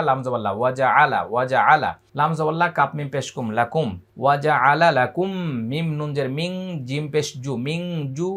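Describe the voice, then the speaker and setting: A man from Bangladesh teaching Quran reading, spelling syllables aloud and then chanting verses in a high, drawn-out recitation. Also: a bit bright. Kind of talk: letter-by-letter Quran recitation lesson.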